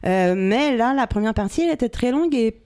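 A woman from Quebec with a Québécois French accent, a stand-up comedian chatting casually as a podcast guest and telling lively stories. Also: a little high, fairly quick.

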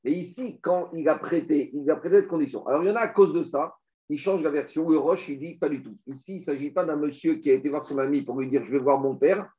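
Animated man teaching a Talmud class. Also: on the high side, quick pace. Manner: explains step by step, rhetorical questions, animated. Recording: dull lo-fi recording.

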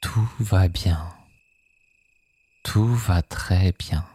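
Very slow, low, soothing sleep hypnosis voice. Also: breathy edge. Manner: soothing, hushed, with phrases echoed softly. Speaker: sleep meditation guide. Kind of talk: guided sleep hypnosis narration.

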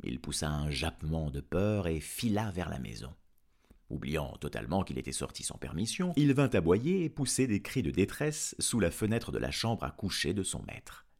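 A man narrating a novel aloud as an expressive audiobook reader. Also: rumbling low, moderate pace. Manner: expressive, lively reading. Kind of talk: audiobook storytelling.

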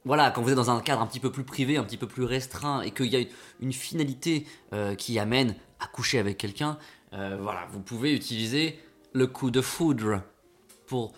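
A man's voice: medium pitch, fairly quick, soft background music. A man co-hosting a comedic show, rambling and stumbling over repeated words. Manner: rambling, stammering repetitions. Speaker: co-host. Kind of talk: comedic radio banter.

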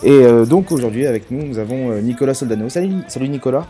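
A man's voice: mid-range voice, fast, warm tone, faint music behind. A man hosting a casual sports podcast, hesitant with many fillers and restarts. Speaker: podcast host.

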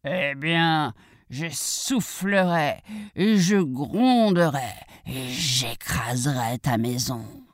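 Woman doing a slow, sly storybook wolf. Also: low-pitched, expressive, no echo, studio quality, heavily acted. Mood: menacing. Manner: slow drawn-out coaxing delivery. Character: sly menacing big bad wolf, drawling and hungry.

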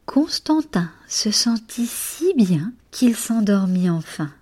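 A woman narrating a bedtime story expressively, with hushed, whispered passages. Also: medium pitch, very animated, takes it slowly, breathy edge.

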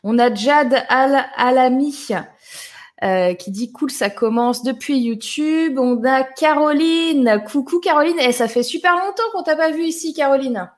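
Chatty high-voiced woman host. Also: measured pace. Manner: chatty, greets viewers by name. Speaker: live show host. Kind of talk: casual live-stream chat.

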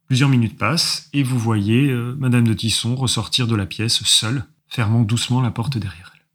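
A man runs a tabletop role-playing game as game master, describing the scene for his players. His voice is husky and slightly breathy, and he narrates with frequent hesitations and fillers. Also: mid-range voice, fairly even intonation, normal speed, a bit bright.

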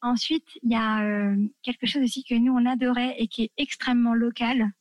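A woman's voice: on the high side, little pitch movement, fairly quick, no room sound. A woman from France chatting enthusiastically as a guest, full of fillers and asides as she recommends favorite dishes. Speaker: guest sharing food tips. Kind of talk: casual chat.

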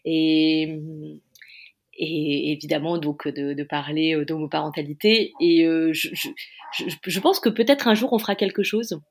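Casting: female author interviewee, French accent, low-ish register, conversational, feeling her way through sentences. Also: measured pace. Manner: hesitant, searching for words.

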